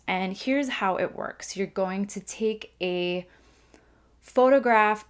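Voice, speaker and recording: A woman with a slightly low voice leads a calm grounding exercise. She explains things informally and gently, like an instructor talking someone through a technique, often thinking aloud as she goes.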